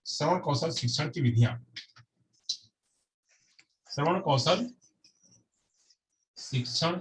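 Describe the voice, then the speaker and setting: A man's voice: a little high, a bit bright. Repetitive, emphatic male teacher with a faint hiss. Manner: repeats key terms, asks and answers own questions. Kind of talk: lecture on teaching methods. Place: classroom with a board.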